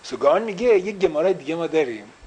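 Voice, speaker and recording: Male teacher, slightly high voice, questions the class and drops in English phrases. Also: lively intonation, darkish tone, rough recording. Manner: explains with repeated rhetorical questions; mixes English phrases into Persian. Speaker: religious teacher.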